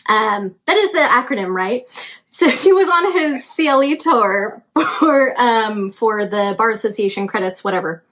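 A woman's voice: fairly high pitch, lively intonation, measured pace, fairly bright tone. A woman co-hosting a podcast, talking casually and upbeat and laughing easily. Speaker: podcast co-host and producer.

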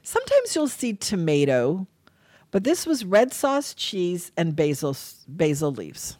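A woman's voice: on the low side, wildly swooping pitch, measured pace, darkish tone, dry recording. A woman hosting a radio talk show in casual chat, repeating phrases for emphasis. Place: radio studio.

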